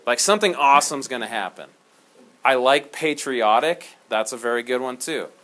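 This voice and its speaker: A man teaching a history class in a classroom, talking in an animated, jokey way and slipping into dramatic storytelling. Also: medium pitch, normal speed. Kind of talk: classroom lecture.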